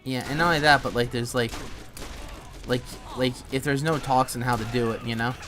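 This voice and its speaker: A man's voice: mid-range voice, fairly even intonation, a little fast, music in the background. A man chatting casually while playing a video game, rambling with frequent restarts and plenty of swearing. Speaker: gaming streamer.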